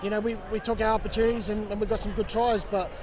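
A man in his thirties, a rugby director, giving a measured and gracious post-match interview outdoors beside the pitch. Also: level tone. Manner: measured, gracious, hedging fillers. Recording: crowd noise outdoors.

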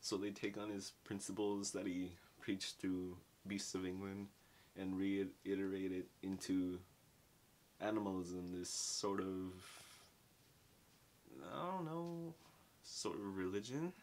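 Young male book reviewer, deep voice, slangy and rambling, casual at-home delivery. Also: steady tone, slow, darkish tone. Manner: rambling, slangy, filler-heavy with lots of "like". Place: small dim bedroom at home.

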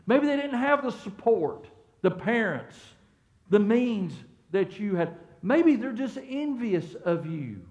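A middle-aged man preaches a sermon in a church sanctuary, his voice sitting a little high for a man. He talks to the congregation like a friend, dropping to a hushed storytelling tone and then climbing to loud, emphatic peaks. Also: big pitch swings, slow. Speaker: pastor.

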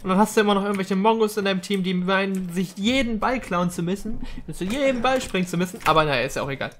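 A young man hosting a gaming video talks fast in a high voice, giving chatty, slangy let's-play commentary that rambles casually and mixes in English gamer words. Slight background noise is audible.

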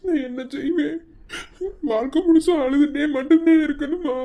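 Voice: high-pitched, normal speed, mellow. A performer voicing an anxious, lovesick young man in a cartoon, self-pitying, with a Madurai accent. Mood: despairing. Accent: Madurai Tamil.

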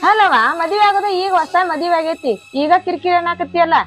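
A woman's voice: extremely high pitch, fast, soft background music. An actress playing a village woman who gives advice and scolds, speaking with a North Karnataka accent. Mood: chiding. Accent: North Karnataka Kannada. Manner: advising, scolding.

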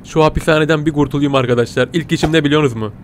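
A man with a somewhat high voice gives playful commentary on a game he is playing. He addresses his viewers fondly, and he squeals and yelps whenever something catches him off guard. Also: rapid-fire, a little hiss or hum. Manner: excitable, yelps and squeals at surprises, talks to viewers as "kitties". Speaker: gaming channel host. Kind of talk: playful let's-play commentary.

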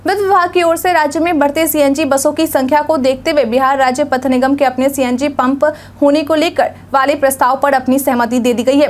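A young woman anchoring a regional news bulletin, reading the news in a formal, even newsreader delivery from a studio desk. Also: high-pitched. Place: studio news set, indoors.

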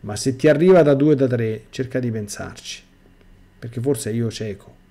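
A man's voice: medium pitch, normal speed, warm tone. A middle-aged priest reading a testimony aloud in a sermon and breaking off to exhort his listeners.

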